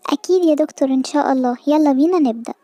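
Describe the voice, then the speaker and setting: A woman voicing a kind, reassuring female animal doctor with an Egyptian Arabic accent, speaking in a gentle, encouraging way. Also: sits high, very fast, no room sound, close to an everyday voice.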